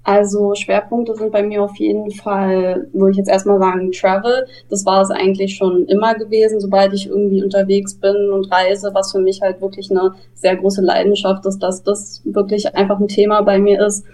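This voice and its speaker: A woman's voice: medium pitch, level tone, normal speed, hardly any pauses, warm tone, distant mic, poor audio. A young woman guest on a casual podcast, talking freely with halt and ne as fillers. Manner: flowing, uses filler words, halt, ne. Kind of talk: casual interview answers.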